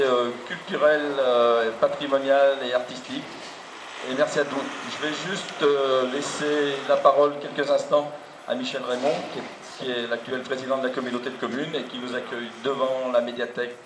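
Male local official, public speech, hesitant phrasing, echoey open square, clearly noisy recording. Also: medium pitch. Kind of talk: semi-improvised public speech. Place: open town square outdoors.

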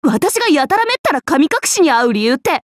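High, animated young swordswoman, Miyamoto Musashi. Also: a little fast, no room sound, studio quality. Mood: musing, teasing. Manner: playful, expressive, swinging between teasing and flustered. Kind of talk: Japanese anime-style mobile game character acting.

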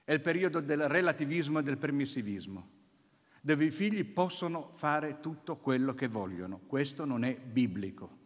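A man's voice: mid-range voice, lively intonation, normal speed. A male Italian preacher giving a sermon, telling a personal testimony and acting out family dialogue. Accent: Italian, Neapolitan region. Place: church. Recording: church hall reverb.

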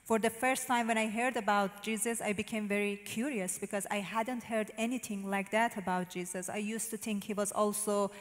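This interview guest, a woman in her thirties from Iran whose native tongue is Farsi, offers personal testimony in hesitant English with a Persian accent and non-native phrasing. Her mid-range voice keeps a fairly even, narrow, level melody, often pausing on "uh." She speaks into a handheld mic on a church stage, her words echoing into a big hall's long reverb.

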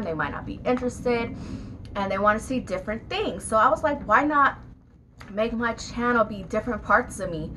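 A woman hosting a casual eating vlog from her bedroom, chatting freely between bites. Her voice is bright and forceful, and she keeps talking while she chews. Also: a little high, a little hiss or hum, poor audio. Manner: chatty, talks while chewing. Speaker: vlogger.

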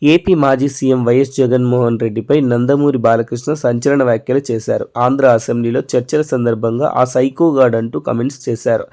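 A man hosts a news channel and reads the stories in a brisk, steady news-reader style. His pitch sits in the middle range for a man. Now and then he slips into loose, offhand asides between the items. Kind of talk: news narration.

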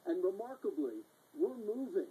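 A man reporting on location outdoors, chatty and excitable. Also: high-pitched, moderate pace, husky, poor audio. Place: outdoors in the Alps.

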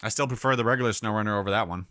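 A man's voice: fairly low pitch, racing, pushed and bright, smooth, no echo, clean studio sound. A man hosting a casual live gaming stream, laid-back, thinking aloud and laughing often. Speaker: livestream host playing a farming game.

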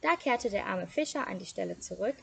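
A woman reading a fairy tale aloud as the evening storyteller, calm and steady, now and then correcting herself. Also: mid-range voice, fairly quick, creaky.

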